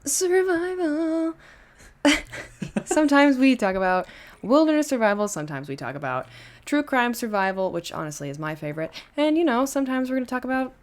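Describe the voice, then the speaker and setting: A young woman co-hosting a podcast in casual chat, animated and giggly, often restarting her sentences. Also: on the high side, fairly quick. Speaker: podcast co-host.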